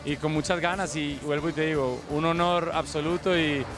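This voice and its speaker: A man's voice: a little high, steady tone, moderate pace, over music. A man giving a thoughtful post-match interview outdoors at a stadium, into a handheld mic. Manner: reflective, thoughtful speech. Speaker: interviewee at football event.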